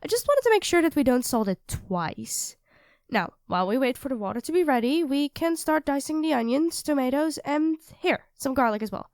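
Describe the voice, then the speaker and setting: Here the same kind of ASMR roleplay features a woman voicing a sweet young girlfriend full of self-doubt, addressing her partner directly with hesitant, soft, earnest words. Her high voice has a sing-song lilt at a moderate pace, and the mood is caring and helpful. The sound is clean studio audio without room sound.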